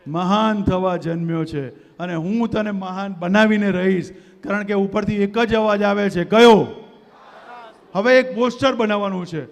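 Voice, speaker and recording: A man's voice: high-pitched, gravelly. A man giving a motivational stage talk at a community gathering, rousing the crowd and leading them in call-and-response. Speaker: motivational speaker. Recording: long hall reverb.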